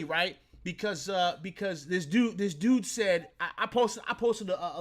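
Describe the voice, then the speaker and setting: Here a sports talk show host in his late thirties chats casually on a live stream, full of profanity and bragging rants. His pitch sits high and the tone comes across a bit bright.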